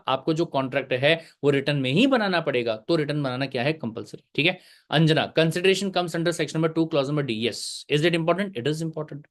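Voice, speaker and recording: A male teacher giving a live online lecture, chatty and joking, mixing English terms into his talk. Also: on the high side.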